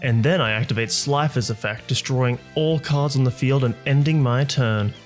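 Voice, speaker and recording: A man voicing a sinister, gloating young male card duelist who taunts and shouts, over faint music. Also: medium pitch, moderate pace, close to an everyday voice.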